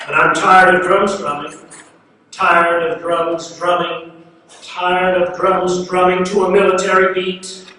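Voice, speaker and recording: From far off in a very echoey hall with a long reverb tail, a man's bright, forceful, high-pitched voice recites poetry like an incantation. It's a dramatic spoken-word performance in which he repeats phrases insistently and marks them off with emphatic pauses. The distant mic also picks up faint noise.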